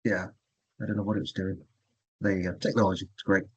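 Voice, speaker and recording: A man's voice: sits low, little pitch movement, quick pace, slightly rough, dry recording, lo-fi sound. A man, a webinar presenter talking on a video call, making brief, casual asides.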